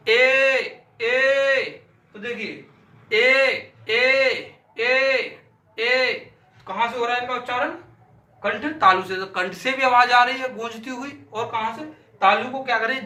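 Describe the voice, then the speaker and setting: A man teaches a lesson in a high, piercingly bright voice. He sounds out syllables over and over and poses questions he then answers himself. He is heard from a distance in an echoey room. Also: lively intonation, a little fast. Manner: demonstrates sounds by repeating syllables aloud; asks and answers his own questions. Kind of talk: classroom lesson.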